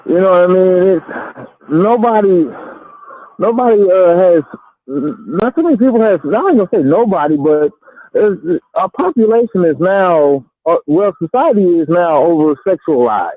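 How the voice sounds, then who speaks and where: A man calling in to a radio show, talking haltingly with many restarts while his phone line breaks up and cuts out. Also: high voice, expressive, dry recording. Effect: breaking-up phone line, cutting out. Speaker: caller. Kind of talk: call-in radio talk. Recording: tinny dry phone line.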